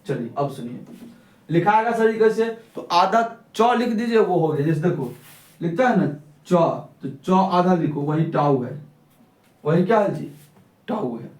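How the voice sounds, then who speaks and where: Echoey, high-voiced teacher quizzing himself. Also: male voice, animated, unhurried, darkish tone. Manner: asks questions and answers them himself. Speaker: physics teacher. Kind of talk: classroom physics lesson. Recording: echoey room, mic at a distance.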